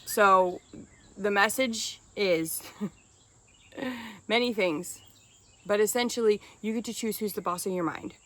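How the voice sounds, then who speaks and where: A woman's voice: medium pitch, takes it slowly, long pauses, fairly bright tone. A woman speaking earnestly to camera in a casual motivational vlog, conversational and often breaking into short laughs. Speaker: self-help vlogger.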